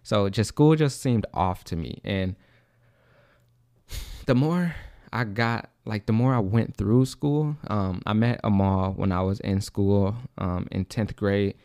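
A man's voice: takes it slowly, a little mellow, clear, resonant tone, dry recording, studio quality. A young man hosting a casual solo podcast, a little out of breath, rambling and restarting his sentences. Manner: rambling, repeats and restarts, says "like" and "low-key". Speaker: podcast host.

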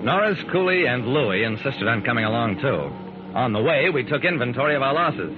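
Here the same kind of role appears: a man plays the narrator and lead of an old radio drama, an earnest, good-hearted amateur detective telling his own tale. He talks a little fast at a medium pitch with big swings, lightly acted, measured yet intrigued. The broadcast is noisy and band-limited, with phone-quality sound.

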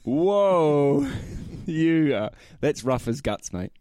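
A man's voice: a little high, sing-song, drawn-out words, warm tone, smooth, dry recording, clean studio sound. A man co-hosting a casual sports podcast, joking in short slangy interjections. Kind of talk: casual chat.

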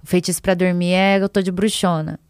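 A young woman talks loosely and cheerfully as a guest on a casual podcast, jumping between thoughts and correcting herself as she goes. Her voice sits slightly low for a woman, and the recording is dry and close. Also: flat delivery, fairly quick, a little mellow, clean tone, dry recording. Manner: chatty, rambling, giggly, self-interrupting. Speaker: podcast guest, ASMR content creator. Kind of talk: casual chat.

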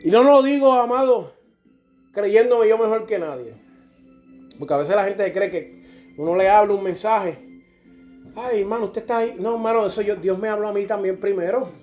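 A man's voice: high-pitched, moderate pace, darkish tone, soft background music. A middle-aged man preaching a sermon, fervent and direct, now and then acting out churchgoers in dialogue. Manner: impassioned, acts out church members in dialogue.

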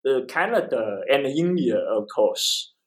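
This eastern Chinese history professor and author has a mid-range voice with big swings in pitch and a measured pace. Interviewed about his work, he speaks with a Chinese accent, repeats phrases, and frequently asks "right?".

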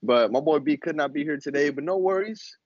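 This sports podcast host talks in casual frat-bro slang, his voice a little high and brisk with lively intonation. Described as mid-range, it's recorded very dry with no echo and a slightly dull, lo-fi quality.

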